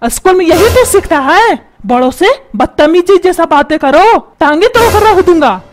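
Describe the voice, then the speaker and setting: एक महिला कार्टून में चिड़चिड़े, चिल्लाने वाले अधेड़ पिता की आवाज़ दे रही है, जो डांटता है और ताने मारता है।. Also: female voice, very high-pitched, animated, moderate pace, faint music behind. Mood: scolding. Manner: shouts and scolds, calls names. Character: grumpy shouting cartoon father, middle-aged man. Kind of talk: comedy cartoon dubbing.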